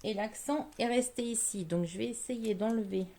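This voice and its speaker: Woman, crafting demo host; mellow, slightly gravelly voice, chatty step-by-step delivery. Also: on the high side, moderate pace. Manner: chatty, explains each step while working. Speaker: card-making demonstrator.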